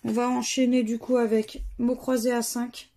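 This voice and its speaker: Gravelly, husky woman murmuring slowly. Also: on the high side, flat delivery, mellow. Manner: slow, murmured, trailing off to near-whispers on single words. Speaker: scratch-card vlogger. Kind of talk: casual commentary while scratching tickets.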